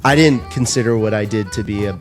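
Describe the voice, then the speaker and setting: Comedian guest in his thirties, lowish voice, rambling chat with restarts, guitar music under it. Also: brisk. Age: 30s. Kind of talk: casual podcast chat.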